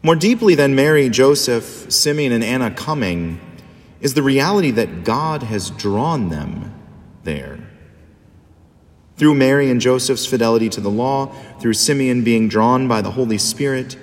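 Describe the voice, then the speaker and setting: A man, a priest, reading the Gospel and preaching a homily in a measured, solemn liturgical manner, his voice ringing with cathedral echo. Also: mid-range voice, expressive, faint music behind. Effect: cathedral echo, long church reverb. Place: large church. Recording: long reverb in a large church.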